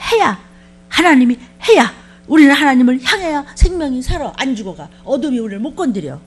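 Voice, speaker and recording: A woman pastor giving a sermon, talking to her congregation in a lively, conversational way and asking them many questions. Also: sits high, a little hiss or hum.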